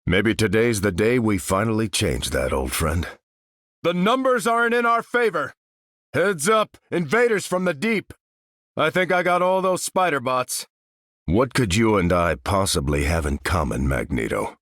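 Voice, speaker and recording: A man's voice: medium pitch, animated, a little slow, a bit bright, no echo, studio quality. An American man playing Captain America, a stalwart veteran soldier hero and earnest, commanding leader in a video game. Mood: rallying, urgent. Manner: earnest, commanding, military phrasing. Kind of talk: video game character voice lines.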